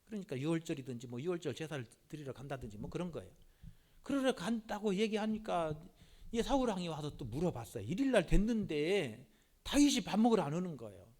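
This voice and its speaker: A middle-aged male pastor delivers a sermon in a chatty, conversational way, often putting questions to the congregation. His voice is high for a man and very animated in its pitch. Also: a little fast.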